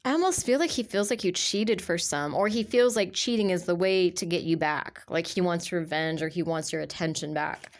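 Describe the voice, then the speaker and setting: Her voice sits slightly low and her allergies leave her nose stuffy as she gives a casual tarot reading over the cards on her table. At a moderate pace and with hardly any pauses, she rambles, hesitates, circles back, and restarts, filling gaps with "like" and "um."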